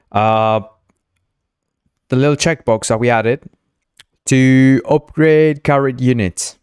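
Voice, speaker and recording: A game developer whose first language is Spanish hosts a casual live coding stream, thinking out loud, repeating himself and teasing his chat playfully. His medium-pitched voice is clean, recorded in studio quality with no echo.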